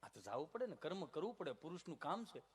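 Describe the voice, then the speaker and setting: High-voiced Kathiawadi Gujarati comedian. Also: male voice, sing-song, slightly rough. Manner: chatty, storytelling, quick to slip into voices. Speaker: stand-up comedian. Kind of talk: folk stand-up comedy storytelling.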